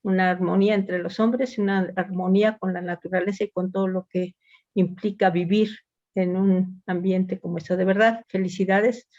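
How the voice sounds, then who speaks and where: A woman in a seminar reflecting at length, appreciative and hesitant, pausing on fillers. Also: fairly low pitch, fairly even intonation, a little mellow, highs cut off. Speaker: seminar participant. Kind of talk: seminar commentary.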